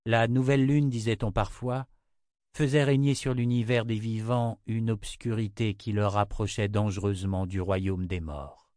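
A man giving a scripted audiobook narration of a novel, in an even, literary reading style. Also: fairly low pitch, moderate pace, no room sound, clean studio sound.

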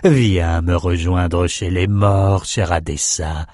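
A man's voice: low-pitched, fairly even intonation, a little mellow, dry recording, clean studio sound, pitched below the performer's own voice. A man voicing a mocking talking severed head of a dead man, drawing out each word. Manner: slow, drawn-out, taunting delivery. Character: mocking undead severed head, male, hateful.

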